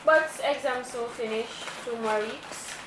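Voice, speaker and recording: A woman's voice: a little high, a little slow. A young adult woman chatting casually about food as a co-host, chewing while she talks. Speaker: mukbang co-host. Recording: echoey room, distant mic, clear background noise.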